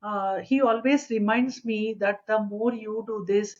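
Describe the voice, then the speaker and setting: A woman's voice: medium pitch, steady tone, unhurried, muffled recording. A middle-aged woman with a South Indian accent, speaking conversationally as a coach being interviewed. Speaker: coach for mothers, interview guest.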